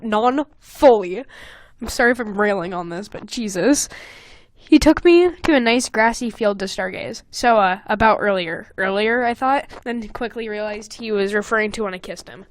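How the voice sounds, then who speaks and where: A young woman with a voice on the high side hosts a podcast of casual comedic chat, reading things aloud and commenting on them with animated, sweary exasperation. The recording is dry.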